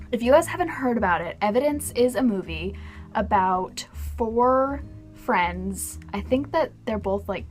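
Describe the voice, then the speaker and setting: A young woman chats informally to her viewers in a casual review, getting drunker as she goes. Her voice sits at a medium pitch and she rambles loosely, with music playing behind her. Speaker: video blogger reviewing films. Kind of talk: casual chatty movie review to camera.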